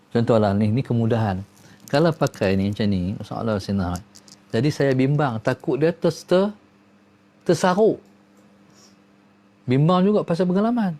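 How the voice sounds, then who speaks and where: A man giving a religious lesson, reciting Arabic prayers and swinging from low murmurs to high exclaims. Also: dark tone. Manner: recites Arabic prayers within his talk. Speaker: religious teacher.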